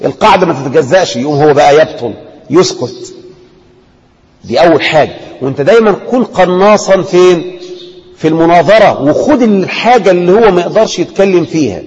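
A man with an Egyptian Arabic accent teaching a religious lesson, acting out debates and often dropping to a low, quiet voice. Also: animated, a little fast, breathy edge. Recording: echoey hall, dull lo-fi sound.

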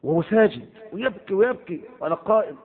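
Impassioned Egyptian preacher, tinny audio. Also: male voice, high voice, animated, fast. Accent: Egyptian Arabic. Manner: impassioned, swings between loud exclamations and hushed asides. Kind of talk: sermon.

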